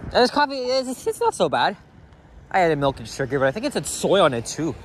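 With a voice that's a little high and full of big pitch swings, a young man talks a little fast while vlogging casually on a walk. He carries a handheld camera along a city sidewalk, and cars and street ambience are audible.

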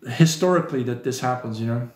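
A man's voice: medium pitch, fast, darkish tone. Guy rambling on his stream, lots of "you know", kinda echoey room. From southern Netherlands. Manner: rambling, opinionated, many "you know" fillers. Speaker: live stream host. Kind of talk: casual live stream chat reading viewer comments.

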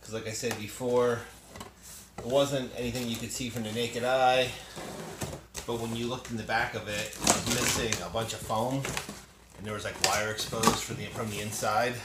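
A man's voice: mid-range voice, fairly even intonation, moderate pace. A man in his forties hosting a casual unboxing vlog, talking bluntly and swearing freely, recorded by a camera on the desk in his collectibles room. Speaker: unboxing channel host. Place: cluttered collectibles room indoors. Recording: roomy echo, faint background noise.

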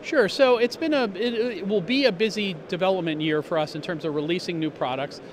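A middle-aged man with a high voice, speaking a little fast, represents a company at a trade show booth and explains a product upbeatly into a handheld interviewer mic. He uses lots of fillers and restarts, and the hall around him is noisy.

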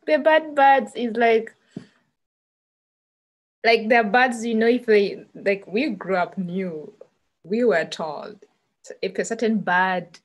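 A woman's voice: fairly high pitch, slow, long pauses. A woman from Uganda, a graduate student and guest speaker, answering questions casually on a video call, often laughing and repeating words.

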